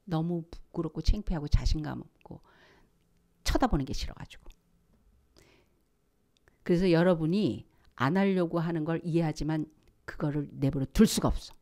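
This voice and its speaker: A middle-aged woman pastor giving a sermon in an animated storytelling manner. She acts out quoted voices and swings from soft asides to loud calls. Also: low voice, moderate pace, pauses often. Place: church sanctuary.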